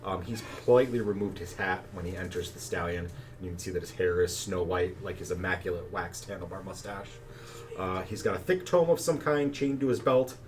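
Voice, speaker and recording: A man running a tabletop game as game master, narrating in a relaxed, chatty way with plenty of fillers. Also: deep voice, brisk. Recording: distant mic, faint background noise.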